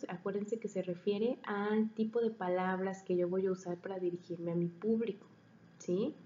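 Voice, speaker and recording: A woman's voice: mid-range voice, dark tone. A woman teacher, lecturing a class and often checking that students follow. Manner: explanatory, frequent checking questions. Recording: dull, roomy, faint hiss.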